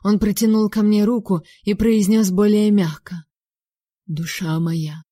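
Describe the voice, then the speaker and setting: Dark-toned woman narrating an audiobook. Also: mid-range voice, fairly even intonation, normal speed, no echo, clean studio sound. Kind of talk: first-person audiobook narration.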